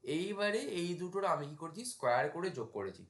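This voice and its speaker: A man's voice: a little high, very animated, fast, a bit bright, reverberant. Man teaching a math class. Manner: talks students through steps while writing, asks them checking questions. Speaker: math tutor. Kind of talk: casual classroom lecture.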